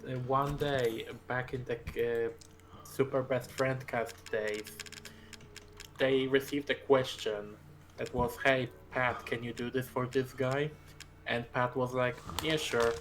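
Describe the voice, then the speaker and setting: A man co-hosting a let's-play stream over voice chat. He rambles through anecdotes, filling gaps with ums and uhs, in a relaxed conversational tone. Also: mid-range voice. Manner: rambling storyteller with many ums. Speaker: co-host of a game stream. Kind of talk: casual gaming chat.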